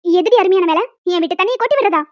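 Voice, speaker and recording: A woman voicing a bossy old village grandmother in a cartoon, who shouts insults and threats. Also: extremely high pitch, lively intonation, very fast, no room sound, highs cut off. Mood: indignant.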